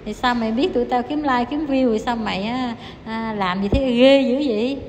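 A woman delivers a heated, scolding monologue and taunts her target over and over. Her voice sits a little high, and it rings with a long reverb over faint background noise. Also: fairly quick, darkish tone. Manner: scolding, taunting, repetitive and emphatic. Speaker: YouTuber ranting to viewers.

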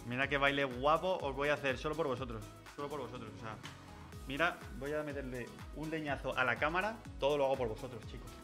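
Over music, a man with a mid-range voice talks fast in a casual livestream chat. He is a miniature painting streamer, joking playfully and laughing often.

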